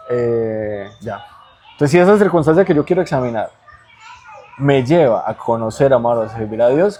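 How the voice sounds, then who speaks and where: A man's voice: medium pitch, darkish tone, a little hiss or hum. Earnest man giving spiritual teaching. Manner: earnest, explaining with rhetorical tag questions. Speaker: interview guest.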